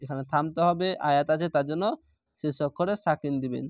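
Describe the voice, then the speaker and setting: A man teaching Quran reading, spelling out each syllable and then chanting the words slowly with long drawn-out vowels. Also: on the high side, steady tone, no echo, studio quality. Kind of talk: slow spelled-out recitation lesson.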